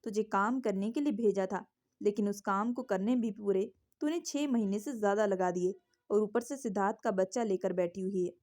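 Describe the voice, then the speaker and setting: A woman's voice: medium pitch, moderate pace, a little mellow, natural voice. Woman voicing a bossy, scolding scheming mother. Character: scheming middle-aged mother, bossy and quick to shout.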